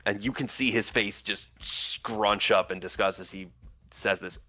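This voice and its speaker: A man talking through plans as a player in a tabletop role-playing game, in a halting, deliberate way. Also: lowish voice, steady tone, sharp tone. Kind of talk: in-character discussion at a tabletop game. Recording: dull sound with music behind.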